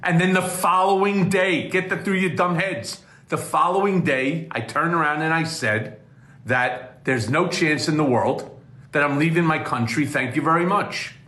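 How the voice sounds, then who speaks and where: A somewhat high-voiced man ranting at his live chat, exasperated and scolding. His voice rings with a roomy echo around it. He sounds fed up and blunt. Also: moderate pace, pushed and bright. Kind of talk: ranting livestream.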